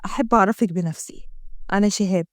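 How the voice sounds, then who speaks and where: A woman voicing a suave, flattering wealthy businessman, speaking with an Egyptian accent. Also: mid-range voice, fast, no echo, clean studio sound, pitched below the performer's own voice, close to an everyday voice. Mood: charming.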